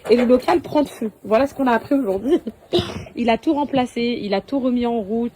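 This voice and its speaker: Young woman influencer, high, gushing phone-story chatter, clatter of pots behind. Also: a little fast, mellow, a little hiss or hum. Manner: bubbly, gushing, talks straight to followers. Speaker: lifestyle influencer and mother. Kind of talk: casual phone-story chat to followers. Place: home kitchen and garden. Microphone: handheld phone.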